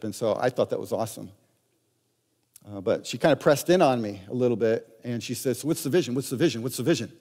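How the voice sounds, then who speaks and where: A man's voice: mid-range voice, a little mellow. Male pastor preaching in a reverberant hall. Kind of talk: sermon. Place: church sanctuary.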